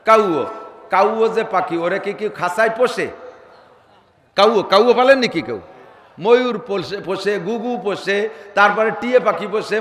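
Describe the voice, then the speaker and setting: A man preaching a humorous sermon, telling stories and mimicking the people he quotes, sometimes breaking into shouts. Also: high voice. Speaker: Islamic preacher. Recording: echoey hall with long reverb.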